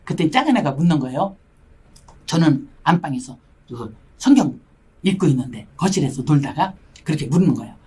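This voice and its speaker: A woman's voice: sits low, a little fast, slightly rough. An older woman, a missionary, giving an emotional testimony sermon and acting out the voices of the people in her story. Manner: animated storytelling, acts out quoted voices.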